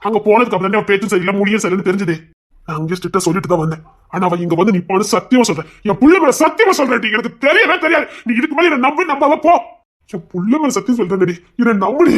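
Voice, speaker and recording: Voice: medium pitch, lively intonation, very fast, close to an everyday voice. A performer voicing an anxious young husband in an audio drama who keeps pleading and swearing he is innocent. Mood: defensive.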